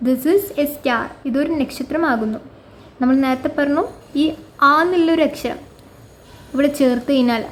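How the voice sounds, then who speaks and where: High-voiced woman teaching Arabic slowly. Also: a little hiss or hum. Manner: explains patiently, repeats phrases slowly. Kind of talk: online language lesson.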